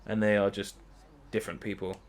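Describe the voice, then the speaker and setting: A man's voice: fairly low pitch, level tone, fairly quick. A young man hosting a let's play, giving casual, rambling commentary with dry jokes. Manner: dry joking, rambling asides.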